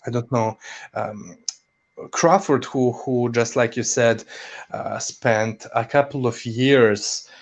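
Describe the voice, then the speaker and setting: A man co-hosting a casual boxing podcast, talking haltingly with many fillers and restarts. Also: medium pitch. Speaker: podcast co-host. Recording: dull lo-fi sound.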